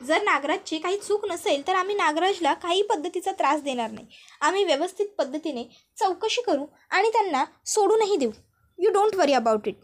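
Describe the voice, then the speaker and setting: A woman playing a male police inspector, formal, calm and reassuring, high voice. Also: normal speed.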